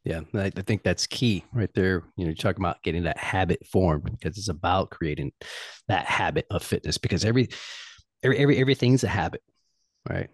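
A man's voice: low-pitched, fast, breathy edge, no echo, studio quality. A man in his forties talking loosely and candidly, swearing and laughing easily. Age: 40s. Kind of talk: casual chat.

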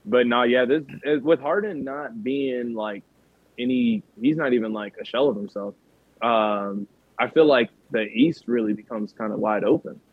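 A young man with a husky voice in casual, slangy sports talk, reasoning aloud hesitantly over a thin line. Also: medium pitch, normal speed, no echo. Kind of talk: casual sports commentary among friends. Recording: thin phone-like line, dry sound.

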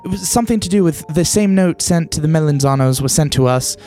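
A man's voice: a little high, quick pace, mellow, voice pushed up, lightly acted. A man voicing a squeamish, apologetic, fussy newspaper writer in a tabletop game, with a hesitant stammer. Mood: apologetic, flustered. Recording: background music under the voice.

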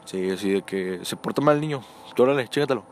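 A man's voice: fairly low pitch, lively intonation, quick pace, slight background noise. A young man with a Mexican accent telling crude, slangy stories in casual chat, acting out the voices of people in them. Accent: Mexican Spanish.

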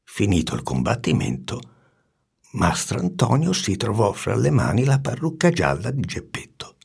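Gravelly man reading a storybook aloud. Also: on the low side, normal speed. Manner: expressive, animated narration. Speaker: narrator.

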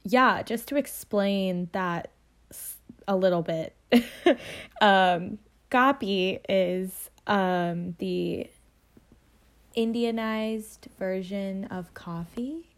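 A young woman co-hosting a casual podcast, talking in a relaxed, rambling way with plenty of fillers and laughs. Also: mid-range voice, very slow. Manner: chatty, laughs often, many fillers. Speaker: podcast co-host. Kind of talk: casual chat.

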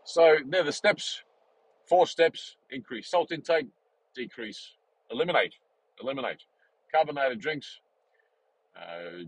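A man in his forties hosting a podcast, talking in a rambling, animated way with many fillers and restarts. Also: on the low side, husky, low-quality recording. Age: 40s. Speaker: podcast host. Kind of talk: casual unscripted monologue.

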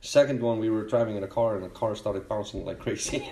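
A middle-aged Icelandic man with an Icelandic accent, chatting casually as a guest with a relaxed, hesitant manner full of fillers. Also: fairly low pitch, brisk, a little hiss or hum. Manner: relaxed, hesitant, many "uh"s and "you know"s. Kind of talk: casual chat. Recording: echoey room.

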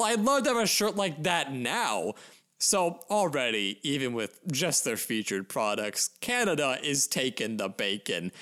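Lively, gushing podcast host. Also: mid-range voice. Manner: gushing, theatrical overexcitement; sarcastic asides. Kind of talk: comedic science podcast commentary.

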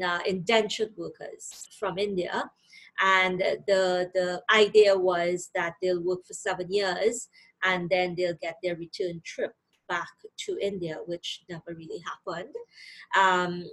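A woman with a Trinidadian accent and a soft, breathy voice, guesting on an interview show. She talks in a thoughtful, reflective way, taking her time as she tells her family's story. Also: lowish voice, poor audio. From Trinidad and Tobago. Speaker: guest, financial literacy and credit counselor. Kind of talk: interview conversation.

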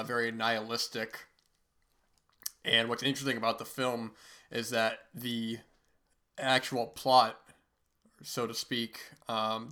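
A man's voice: mid-range voice, bright, forceful tone. A man with a congested, nasal, stuffy-nosed voice from a cold, hosting a casual, rambling, laid-back talk about movies. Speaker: host of a weekly movie talk show.

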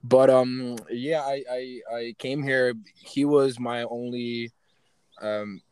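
A young violinist from western Ukraine chats as a guest in a casual interview, laid-back and slangy with casual swearing, outdoors by a road as cars pass. His medium-pitched voice is slow, fairly even, a little mellow and clean, in a dry recording.

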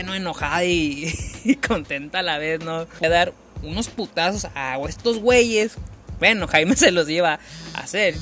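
A young man with a northern Mexican accent telling a comic story full of slang, animated and quick to laugh as he acts out voices. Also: on the high side. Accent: Mexican Spanish, northern. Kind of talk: comedic storytelling, heavy slang.

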